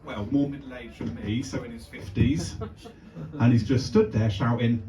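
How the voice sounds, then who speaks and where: On a comedy club stage before a live audience, a man performs stand-up at a moderate pace in a mid-range voice. He chats with and teases the crowd, shouting voices for the punchlines. The recording is echoey and captured from a distance.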